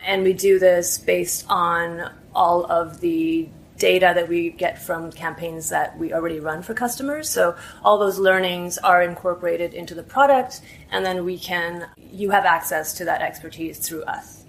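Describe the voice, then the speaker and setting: Chatty woman with a lowish voice. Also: moderate pace, creaky, slight background noise, rough recording. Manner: informal, chatty, frequent "like". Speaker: tech startup interviewee. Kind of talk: casual interview chat.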